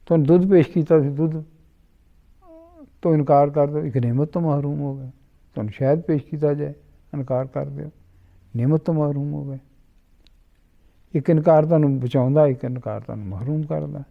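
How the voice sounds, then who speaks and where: Gravelly man telling stories. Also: a little high, fairly even intonation. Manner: unhurried, quotes others in dialogue. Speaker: interview guest. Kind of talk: storytelling in conversation. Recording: dull lo-fi recording.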